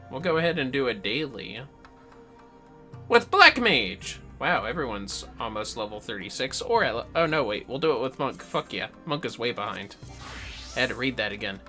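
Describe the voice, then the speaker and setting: A streamer with an androgynous voice keeps up playful, casual commentary during a livestreamed game, muttering to themselves and swearing freely. The delivery is very animated and forceful at a medium pitch, bright, and moderately paced, with faint music behind.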